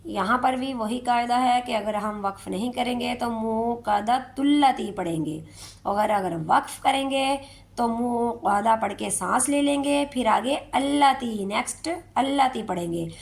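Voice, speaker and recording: Lady tajweed teacher, kinda high voice w gravelly edge, keeps asking "okay?". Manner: checks in often with a rising "okay?", repeats each word slowly. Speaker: Quran recitation teacher. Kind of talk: tajweed lesson, explaining rules then reciting verses slowly.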